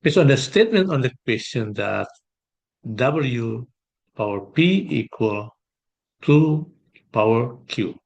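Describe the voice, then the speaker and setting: Slow, hesitant male math tutor. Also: medium pitch, animated, vocal fry, a little mellow. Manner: slow, hesitant, thinking aloud while sketching. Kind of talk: exam solution walkthrough.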